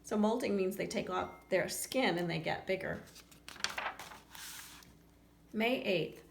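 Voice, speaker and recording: Reading aloud at a normal speed, a woman with a medium-pitched, creaky voice tells a picture-book story to children. She dramatizes the lines and slips in casual remarks to her young audience. The room echoes, and there's faint background noise.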